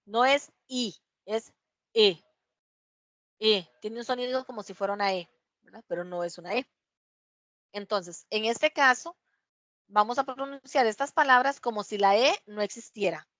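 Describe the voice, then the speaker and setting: Recorded dry, a slightly high, fairly bright female voice walks online students through the rules of the English past tense. She's patient, goes over each word slowly and individually, and frequently checks whether the class is keeping up.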